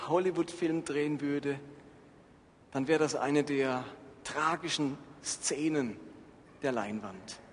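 A man's voice: a little high, husky. A male pastor giving an earnest sermon and reading scripture aloud. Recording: echoey hall, faint ambience.

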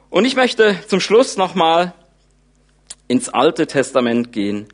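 A man preaching with lively storytelling. He rises to loud peaks and sinks to quiet, intimate asides. His pitch sits in a middle range for a man. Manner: lively storytelling, voices characters' thoughts informally; animated, wide swings in loudness. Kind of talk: sermon.

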